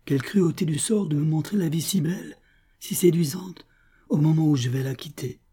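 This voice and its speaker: A man voicing a young captive Russian officer, earnest and soft-spoken. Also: fairly high pitch, normal speed, husky, pitched above the performer's own voice.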